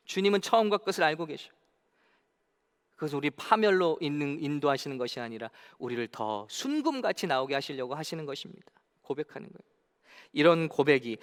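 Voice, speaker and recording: High-voiced pastor preaching in a reverberant hall. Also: male voice, smooth. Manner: preaching with sharp swings from loud declaiming to hushed, voicing God and Job in quotes. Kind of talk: Sunday sermon. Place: church sanctuary.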